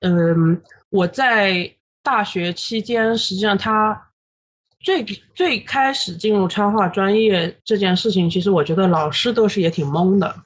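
A woman in her thirties talks as a podcast guest, her voice sitting at an ordinary middle pitch. She tells her story in an animated way, full of fillers, with English words slipping in. A faint noise sits under the recording. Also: measured pace. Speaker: guest illustrator. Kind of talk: casual podcast interview.

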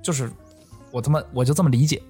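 A man's voice: mid-range voice, fast, warm tone, breathy edge, soft background music. A man telling puzzles and stories to friends in a casual chat, matter-of-fact. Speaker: puzzle host.

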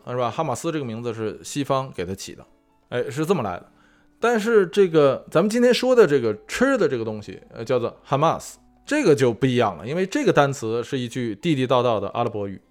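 Guy hosting a food show, very lively up and down voice, chatty with lots of fillers, bit of music under it. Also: mid-range voice. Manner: chatty, many fillers and rhetorical asides. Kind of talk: casual explainer monologue. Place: lives in California.

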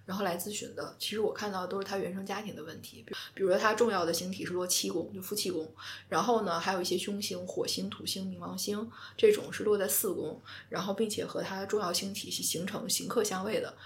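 A woman, a podcast co-host and astrology counselor, talking calmly and explaining steadily. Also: mid-range voice, fast talker. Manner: calm, explanatory, steady storytelling. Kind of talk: casual podcast chat.

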